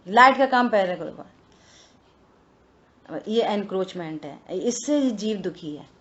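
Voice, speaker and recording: Woman, scripture study teacher, conversational and teasing, higher voice, muffled lo-fi recording. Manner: lively, rhetorical questions, teasing. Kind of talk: conversational religious discourse. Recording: dull lo-fi recording.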